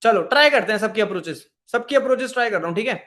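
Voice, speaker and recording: Higher-pitched man teaching a live coding class. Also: expressive, racing, fairly bright tone. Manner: repeats phrases, quizzes the class often; mixes English coding terms into Hindi. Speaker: programming instructor.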